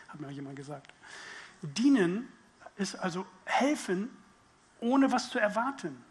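Give me a high-pitched man giving a lively sermon who keeps asking his listeners questions. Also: measured pace. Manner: acts out inner voices in quotes. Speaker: preacher.

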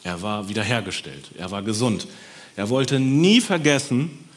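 Male storyteller, Bible tale for kids, lively and melodic, turns to listeners. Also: fairly low pitch, unhurried. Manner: lively, addresses listeners directly.

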